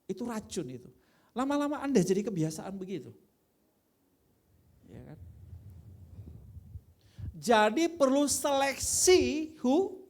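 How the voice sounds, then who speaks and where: A male pastor from Indonesia preaching a sermon in a casual, conversational way, dropping to quiet asides and then rising into loud, emphatic bursts. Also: high voice. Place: church worship service.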